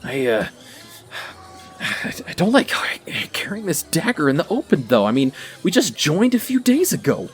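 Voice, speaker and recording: A man's voice: fairly high pitch, big pitch swings, faint music behind, pitched above the performer's own voice. A man voicing a nervous, hesitant cult recruit who stammers, in a tabletop game. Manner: halting, stammering. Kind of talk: in-character tabletop roleplay.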